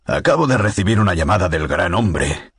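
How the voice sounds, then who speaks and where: Storybook role: a chipper colonel, brisk and friendly, in a husky dry voice, read by a man. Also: deep voice, lively intonation, a bit bright, no echo, heavily acted. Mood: cheerful. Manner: brisk, cheerful. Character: cheerful male military colonel.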